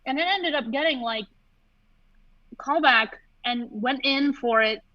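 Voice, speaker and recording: A woman's voice: high-pitched, a little slow, no room sound. Chatty young woman on a dull dry stream. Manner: chatty, animated storytelling. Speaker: voice actress, co-host. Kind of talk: casual livestream chat.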